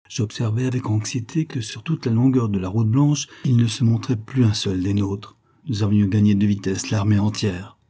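A man reading an audiobook aloud, telling a first-person adventure with expressive, dramatic swells. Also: fairly low pitch, slightly rough. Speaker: audiobook narrator. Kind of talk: scripted audiobook narration.

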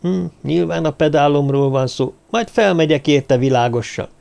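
A man's voice: fairly high pitch, creaky, darkish tone, voice pushed up. A man voicing a grumpy, weary police lieutenant who mutters and sighs through his lines, in a storybook reading. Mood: grumbling. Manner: sighing, grumbling.

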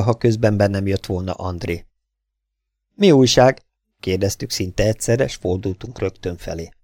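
A man narrating an audiobook in an even, unhurried reading voice. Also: fairly low pitch, no room sound. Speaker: audiobook reader.

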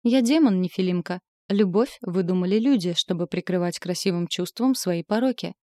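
A woman's voice: on the low side, moderate pace, mellow, dry recording, studio quality, lightly acted. A woman voicing a sneering male demon knight. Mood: mocking. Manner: sneering, taunting. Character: scornful male demon knight, mocking and cruel.

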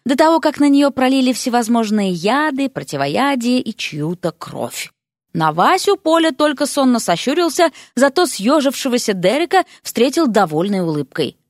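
A woman narrating a comic fantasy story with lively, expressive reading. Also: a little high, normal speed, dry recording, studio quality. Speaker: audiobook narrator.

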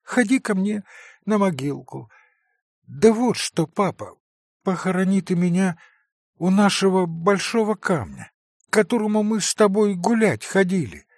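A man's voice: high-pitched, expressive, a little slow, no room sound, studio quality, pitched above the performer's own voice, heavily acted. A man voicing a frail, pleading sick boy. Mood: pleading tearful. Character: gravely ill young boy, tender and pleading.

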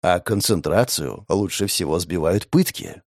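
A man's voice: deep voice, a little slow, no room sound, clean studio sound, pitched below the performer's own voice. A man voicing a young male gamer hero who mocks and threatens his enemies, in a raised, grinning tone. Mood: menacing. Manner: mocking, menacing.

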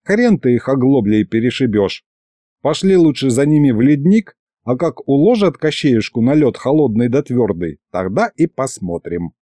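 A man voicing a gruff, fussy old grandfather in an audiobook, with folksy grumbling that turns to yelling. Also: mid-range voice, animated, normal speed, no room sound, lightly acted. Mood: resigned. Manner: folksy grumbling, yells when angry. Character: gruff old male house spirit, fussy and hot-tempered.

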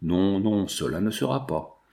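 Un homme lisant un vieux millionnaire coupable. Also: male voice, low-pitched, lively intonation, a little slow, gravelly, dark tone, heavily acted. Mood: sombre. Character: homme riche âgé, père coupable et rongé de peur.

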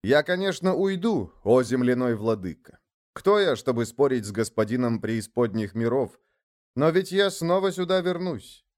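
A man's voice: mid-range voice, lively intonation, normal speed, a little mellow, close to an everyday voice. A man voicing a stubborn, humble male shaman who chants in a ringing voice in a storybook reading.

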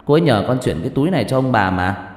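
A man's voice: mid-range voice, expressive, racing, close to an everyday voice. A man voicing a polite young village man, earnest and stammering with fright. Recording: echoey hall with faint music.

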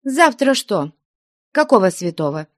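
A woman voicing a good-natured older nun who scolds the convent girls in a high, indignant voice. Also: very animated, unhurried, no echo, clean studio sound. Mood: stern. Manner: scolding, shrill, scandalized.

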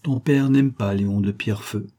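A man's voice: lowish voice, moderate pace, mellow, lightly acted. A man voicing a fervent noble mother. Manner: fervent and insistent. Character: determined aristocratic mother, a marquise.

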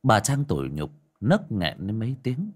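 A man narrating a dramatic audio story in an expressive way. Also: lowish voice, moderate pace, breathy edge.

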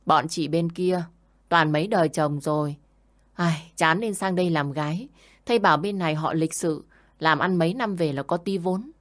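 A blunt, world-weary madam , put on by a woman narrator in a storybook drama, low-voiced and brisk. She talks in short, matter-of-fact sentences. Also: close to an everyday voice.

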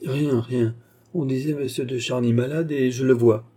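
A man's voice: medium pitch, fairly even intonation, normal speed, mellow, slightly rough, pitched above the performer's own voice, close to an everyday voice. A man reading an audiobook, voicing a pale, indignant young noblewoman with a tense, clipped manner. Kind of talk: audiobook character voice.

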